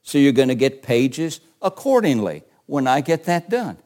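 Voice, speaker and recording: Animated preacher man with a lively voice. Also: mid-range voice, normal speed. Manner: animated, asks the congregation rhetorical questions. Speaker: pastor. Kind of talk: sermon.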